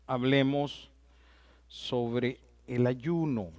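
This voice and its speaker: A man's voice: mid-range voice, fairly even intonation, extremely slow, darkish tone, no room sound. A male pastor, telling stories in a sermon and often addressing his listeners as "brother". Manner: storytelling, addresses listeners as "hermano".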